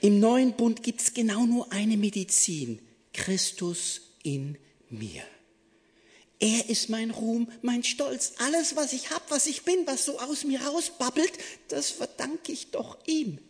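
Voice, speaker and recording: A preacher giving a devotional sermon, playful, swinging between excited exclaims and hushed, soft asides. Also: medium pitch, measured pace, few pauses, long reverb tail.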